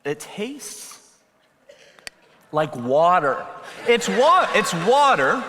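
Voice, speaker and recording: A man's voice: high-pitched, very animated, very slow, pushed and bright, slight background noise. A man preaching a sermon into a pulpit microphone, conversational and joking, then building to emphatic appeals. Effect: speaking into a pulpit microphone. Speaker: pastor. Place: church sanctuary. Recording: long hall reverb.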